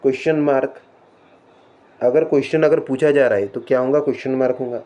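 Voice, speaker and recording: In a punctuation lesson, an English teacher, a man with a Marathi accent, slowly reads out English grammar rules before explaining them in Hindi through rhetorical questions. He has a mellow, medium-pitched voice with fairly even intonation.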